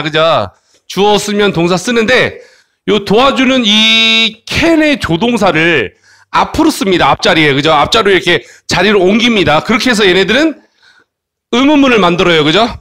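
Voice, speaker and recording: Male kids' English teacher, high bright voice, coaxing, keeps checking in. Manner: coaxing, frequent tag questions. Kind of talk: online English lesson for children.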